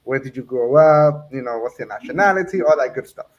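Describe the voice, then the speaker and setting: A man's voice: mid-range voice, lively intonation, a little fast. Chatty male interview host, muffled sound. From New Jersey. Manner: chatty, laughs often, many fillers. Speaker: podcast host. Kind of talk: casual interview.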